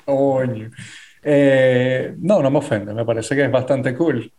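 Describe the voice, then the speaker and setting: A man's voice: mid-range voice, slow, a little mellow. Laid-back Venezuelan man, podcast chat. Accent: Venezuelan Spanish. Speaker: podcast co-host. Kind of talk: casual chat.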